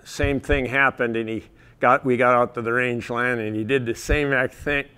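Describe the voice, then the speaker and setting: A man's voice: medium pitch, fairly even intonation, moderate pace, pushed and bright, clear, resonant tone. A man from North Dakota, a rancher and grazing coalition president, giving a casual conference talk with slides, telling folksy stories and chuckling often. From North Dakota, USA.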